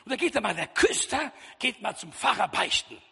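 A man preaching a sermon in a church hall, lively and jokey with loud outbursts. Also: high voice, a little fast, vocal fry, breathy edge. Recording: reverberant hall.

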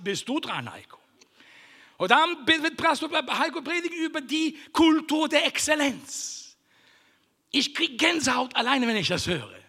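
A man preaching a sermon as pastor of his church, emphatic, swinging from shouted lines down to hushed whispers. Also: very high voice, breathy edge. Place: church service. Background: music.

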